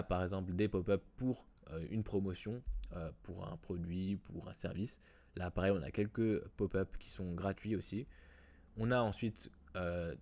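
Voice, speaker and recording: A man walks through a software tutorial in a casual way, with many fillers and restarts. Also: sits low. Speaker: WordPress tutorial host. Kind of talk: screen-recorded software tutorial.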